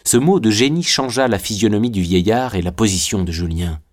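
A man narrating a classic novel as an audiobook, in a measured, literary way. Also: on the low side.

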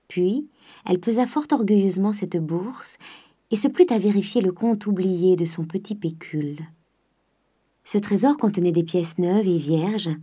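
A woman narrating a classic novel in a soft, hushed reading. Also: on the low side, breathy edge. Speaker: audiobook narrator.

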